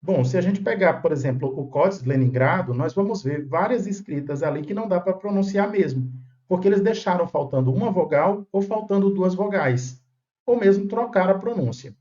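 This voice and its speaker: A man's voice: high-pitched, lively intonation, a little fast, a little mellow, lo-fi sound. A man giving a video lesson on old manuscripts, explaining step by step and often checking in with his viewers. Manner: didactic, checks in with "tá?" and "né?". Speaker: Bible manuscript lecturer.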